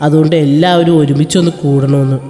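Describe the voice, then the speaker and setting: Woman playing a teasing young husband, soft coaxing tone, roomy reverb, storybook audio drama. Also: sits low, steady tone, fast, close to an everyday voice. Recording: echoey reverb with faint music.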